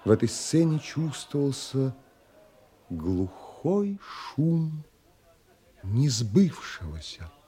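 With a husky, exaggerated mid-range voice, an actor plays a wistful romantic man recounting his longings, as in a literary audio play. The narration is measured, contemplative and expressive, and the mood absorbed and reflective.

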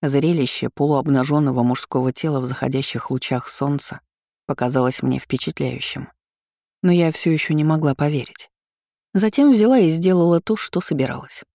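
Woman narrating an audiobook, mellow. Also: low voice, dry recording, clean studio sound. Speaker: audiobook reader. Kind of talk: scripted narration.

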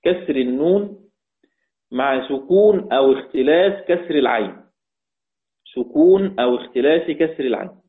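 A man with an Egyptian Arabic accent teaching the Quranic readings, repeating each point slowly and chanting verses in a drawn-out way. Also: medium pitch, animated. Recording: tinny phone-like audio.

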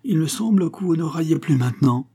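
A man's voice: mid-range voice, moderate pace, warm tone, pitched above the performer's own voice, lightly acted. A man voicing a jealous, mocking young Spanish nobleman in a cold, sneering manner.

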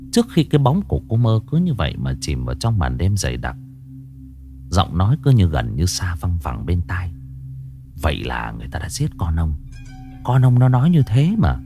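A man narrating a scripted ghost story in a dramatic, expressive reading. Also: deep voice.

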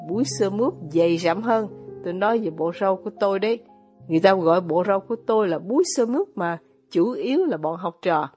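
A woman reading as a poor, bitter older male ex-officer with quiet irony, in an audiobook. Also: mid-range voice, breathy edge.

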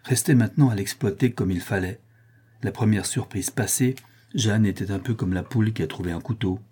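Low, husky male audiobook reader. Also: mellow. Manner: measured, voices all the characters. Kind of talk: scripted narration.

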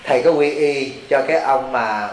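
A man's voice: mid-range voice, moderate pace. A man, a Buddhist monk, gives a folksy sermon to a retreat and keeps asking his listeners questions. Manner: folksy, teasing, asks the audience questions. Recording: roomy hall with faint hiss.

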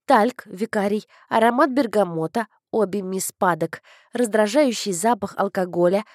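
A woman reads a novel aloud in the first person, with a wry, ironic touch. Her voice sits at an ordinary middle pitch. The recording is dry and close, with no room echo. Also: darkish tone. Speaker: audiobook narrator. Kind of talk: scripted first-person narration.

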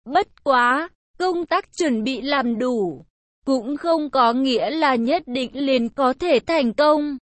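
A woman reading the lines of a calm, composed young male cultivator in an audiobook. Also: high voice, takes it slowly, no echo. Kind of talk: audiobook narration.

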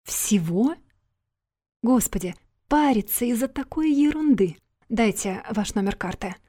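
A pampered young woman with an indignant, brusque edge, spoken by a woman reading an audiobook. Her voice is soft and breathy, with a mellow, warm tone in a dry, close recording. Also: medium pitch, moderate pace, no room sound, natural voice. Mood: dismissive. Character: spoiled rich young woman, flustered but defiant.

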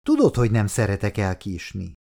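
A man's voice: fairly low pitch, huge pitch swings, gravelly, a little mellow, full character voice. A man reading the lines of an affectionate, teasing middle-aged wife in an audiobook, speaking playfully and tenderly. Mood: calling out.

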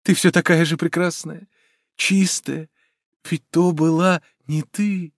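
A man's voice: a little high, fairly even intonation, slow pace, no room sound, studio quality, pitched above the performer's own voice. A man reading an audiobook and voicing a grief-stricken young prince with a trembling voice. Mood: trembling, anguished.

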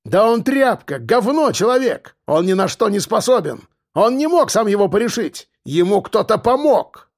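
A shrieking convict gang boss. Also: male voice, very animated, normal speed, full character voice. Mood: furious. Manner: bellowing, swearing, shrill shouting. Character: furious loud male convict gang boss. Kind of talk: audiobook character voice.

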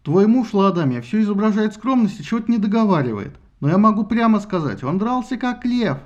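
A man voicing a fussy, irritable male messenger god who talks in a brisk, scolding, bureaucratic way. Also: high-pitched, sing-song, highs cut off, voice pushed up. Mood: admiring.

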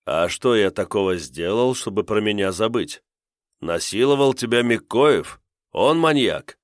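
A man voicing a calm, menacing male captor who speaks slowly and mockingly. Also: on the low side, no echo, clean studio sound. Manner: slow, drawling and mocking.

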